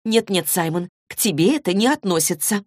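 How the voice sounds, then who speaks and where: A heated young girl, pleading one moment and indignant the next, as a woman reads her in an audiobook. The voice sits higher and louder than the narration. The studio sound is dry and close. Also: expressive, fairly quick, no room sound. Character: young girl Clary, impulsive and protective.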